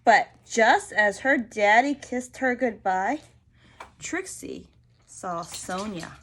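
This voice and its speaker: A woman reading a picture book aloud to young children, expressive and often pausing to ask them questions. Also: mid-range voice, slight background noise. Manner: expressive, prompting listeners with questions.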